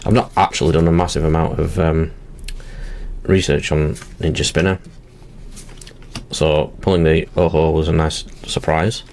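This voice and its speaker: A man with a low voice gives casual, running commentary as he works through a box of card packs. He is chatty and narrates each small step aloud as he goes. A faint background hiss sits under his voice. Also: little pitch movement, measured pace, a little mellow. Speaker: channel host.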